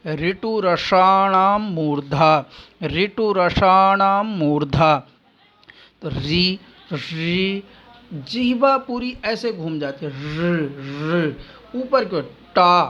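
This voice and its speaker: A man's voice: high-pitched, sharp tone. A man teaching a Sanskrit phonetics lesson, drawing out each sound as he demonstrates it and reciting grammar rules.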